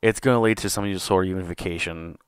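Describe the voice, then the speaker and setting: A man hosting a solo podcast review, talking casually with lots of fillers and swearing, his voice a bit hoarse. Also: low voice, fast talker, no room sound, studio quality. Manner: rambling, profane, with many fillers. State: slightly hoarse. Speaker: podcast host.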